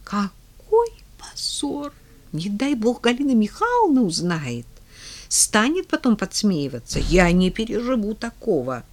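Lady narrator doing a weepy fussy old lady, higher voice, all over the place. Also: very animated, moderate pace. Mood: tearful. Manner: fussy, tearful, pleading. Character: flustered old woman stuck in a shower. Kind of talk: audiobook character reading.

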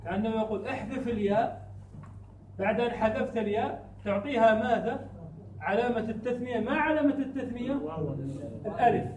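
A man teaching a grammar class, quizzing students with repeated questions and chanting verse lines slowly. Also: very high-pitched, a crowd in the background. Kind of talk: classroom lesson. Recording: echoey room, distant mic.

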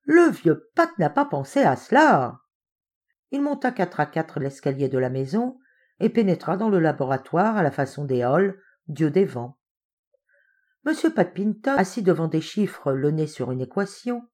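A woman narrating an audiobook in a measured, literary storytelling manner. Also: deep voice, big pitch swings, a little mellow. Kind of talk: scripted narration.

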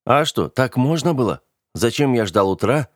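A man voicing a teasing, protective young man in an audiobook, with an easy, gently chiding manner. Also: medium pitch, expressive, moderate pace, no echo, studio quality, pitched above the performer's own voice, natural voice. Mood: teasing, caring. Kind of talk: audiobook character voice.

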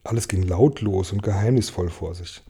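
A man reading a children's storybook aloud in a calm, measured way. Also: low voice, husky. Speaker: audiobook reader. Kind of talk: storybook narration read aloud.

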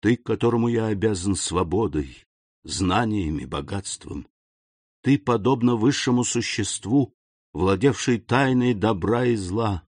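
A man voicing a grave, noble middle-aged count, calm and measured in an audiobook reading. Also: fairly low pitch, no room sound. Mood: solemn.

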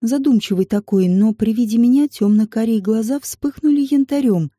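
A woman narrating a first-person audiobook with a wry, ironic touch. Her voice sits a bit high, yet its tone is very dark and mellow. The sound is close and dry. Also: moderate pace, no room sound.

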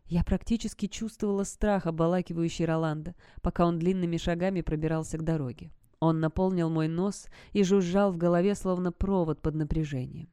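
A woman's voice: lowish voice, mellow, smooth, no echo. A woman narrating a first-person audiobook in a tense, suspenseful storytelling manner.

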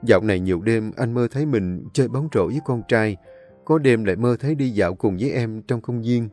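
A man's voice: fairly low pitch, expressive, normal speed, a little mellow, soft background music, natural voice. A man reading as a remorseful jailed husband. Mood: wistful. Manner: emotional, pleading.

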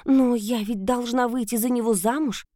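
Woman reading as young princess, timid, trembling, pleading, high-pitched. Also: fairly even intonation, normal speed, dark tone, no echo, studio quality, lightly acted. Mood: anxious.

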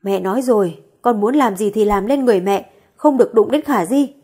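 A woman's voice: medium pitch, a little fast, warm tone, husky, natural voice. A woman voicing a middle-aged mother who pleads to protect her daughter in an audio story. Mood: pleading. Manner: pleading, tearful.

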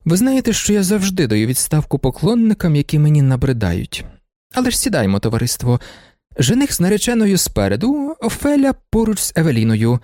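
A man voicing a lively young widow who teases and orders her companions about, in an audiobook. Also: a little high, brisk, no room sound, clean studio sound, voice pushed up. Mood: teasing. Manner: teasing, commanding.

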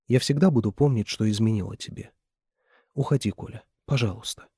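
A man voicing a distraught young woman who shouts and pleads in turn, his voice husky. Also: on the low side, a little fast, no echo, clean studio sound. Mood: pleading.

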